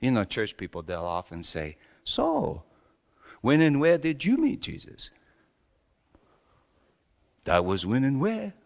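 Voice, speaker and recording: Male performer as wry, exasperated old-world carpenter, comic stage monologue, unhurried and very animated, big reverberant hall. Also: medium pitch, vocal fry, exaggerated voice. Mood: wry, confiding. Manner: theatrical, swinging between hushed asides and shouted exclamations. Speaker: storyteller preaching in character. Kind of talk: comic dramatic monologue to a congregation.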